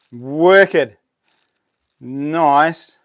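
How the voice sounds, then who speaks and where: A man's voice: a little high, extremely slow, sharp tone, no room sound, studio quality. A man with a broad New Zealand Kiwi accent hosting a casual live stream, chatting to viewers in laid-back, matey slang.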